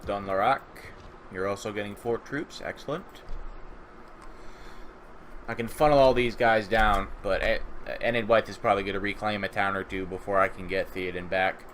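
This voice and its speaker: A man casually commentating a strategy game at home, relaxed and rambling, thinking aloud, a bit sleepy. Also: lowish voice, fairly quick, slight background noise. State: sleepy, just woke up. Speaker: gaming channel host. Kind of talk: casual let's-play commentary.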